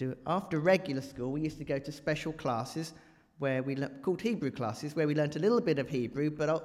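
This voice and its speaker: A man's voice: medium pitch, darkish tone. Joking man preaching in a church. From England. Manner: chatty and joking, quizzes the audience. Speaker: guest preacher. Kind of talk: church talk. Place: large church. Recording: reverberant church hall.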